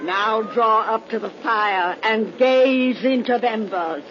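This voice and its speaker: Slow, high-voiced ancient witch Old Nancy. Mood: gleeful, coaxing. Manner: folksy archaic speech, slow and drawn out. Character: gleeful 103-year-old witch of Salem telling ghost stories. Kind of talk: 1930s radio horror acting. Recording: noisy, muffled 1930s radio recording.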